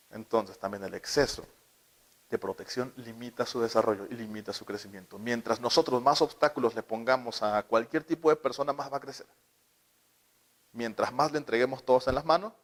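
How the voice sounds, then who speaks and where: A man giving a live talk to parents about child development, often asking them questions and acting out short quoted scenes. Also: medium pitch. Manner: asks the audience questions and acts out little quoted scenes.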